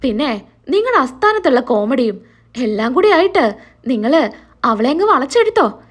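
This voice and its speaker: A sharp-tongued young wife from a retold serial drama, full of sarcasm and spite, as a woman narrator reads her lines. Her tone needles and taunts. The pitch is high and swings widely. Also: very animated, moderate pace. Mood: taunting.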